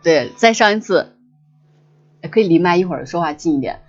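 A woman with a somewhat low, husky voice hosts a livestream in a casual, reflective way. She repeats phrases as she thinks aloud, and the sound is slightly muffled. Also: expressive, fairly quick, soft background music. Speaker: livestream host. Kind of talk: casual reflective chat with listeners.

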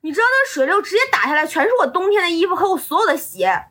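A young woman in her twenties retelling a story in a casual, animated, indignant way, acting out the quotes. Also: extremely high pitch, rapid-fire.

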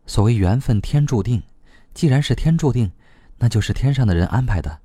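A man reading a novel aloud, voicing a young woman who speaks gently and coaxingly, with a slightly quiet tone. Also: on the low side, expressive, moderate pace, breathy edge, no echo, clean studio sound. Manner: gentle, coaxing and soft-spoken. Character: cheerful but troubled young woman.

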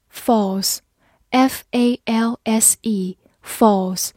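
A woman teaching English vocabulary, who spells out words and reads example sentences slowly for learners to repeat. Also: on the high side, a little mellow, no room sound, clean studio sound. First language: Chinese. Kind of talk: vocabulary lesson narration.

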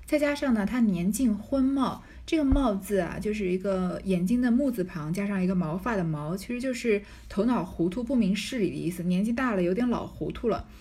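A woman tells and explains a classic novel in a relaxed, chatty way, at a middle pitch. She fills her pauses casually, as if talking to a listener at bedtime. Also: slight background noise. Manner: relaxed, conversational explaining with fillers. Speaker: narrator and commentator. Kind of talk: storytelling commentary on a classic novel.

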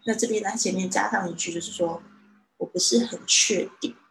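A woman teaching English in a live online lesson, patiently explaining phrases and saying them slowly. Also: mid-range voice, creaky, a bit bright. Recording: roomy sound with faint noise.

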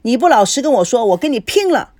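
A woman's voice: sing-song, moderate pace, no echo, clean studio sound. A woman playing a jealous, scolding wife. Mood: furious. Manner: scolding, shrill. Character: jealous, hot-tempered wife.

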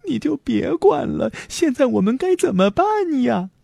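A jittery, fretful little boy, as a man puts him on, pitched high with a breathy, hushed edge. He sounds urgent and restless, and the voice is dry and close. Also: big pitch swings, moderate pace, no room sound, heavily acted.

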